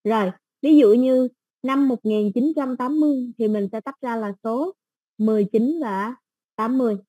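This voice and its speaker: A woman with a Southern Vietnamese accent, teaching an exam-prep English lesson in a patient, step-by-step way with soft fillers. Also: on the high side, normal speed, no room sound, dull audio.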